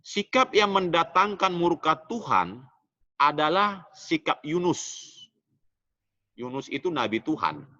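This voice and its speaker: A middle-aged man preaching a sermon in a church, in an animated preaching manner that often drops low at the end of phrases. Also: slow pace, pauses often, muffled recording. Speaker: pastor.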